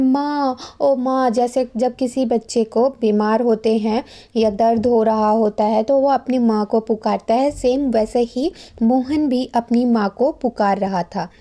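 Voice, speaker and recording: Woman teacher, slow, mellow, fairly high voice, patient, asks and answers own questions. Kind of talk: explaining a textbook chapter.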